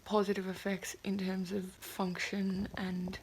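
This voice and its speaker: A woman's voice: medium pitch, completely flat delivery, a little slow, very noisy. A woman in her twenties talking with a sore, puffy jaw that slightly impedes her speech, in a casual, candid and hesitant video diary. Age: 20s. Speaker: vlogger.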